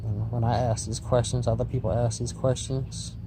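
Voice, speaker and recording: A man's voice: medium pitch, level tone, normal speed. A man tripping on mushrooms, musing in a spaced-out, drifting, repetitive philosophical monologue addressed to the listener. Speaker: vlogger. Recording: noisy recording with vehicle-like ambient noise.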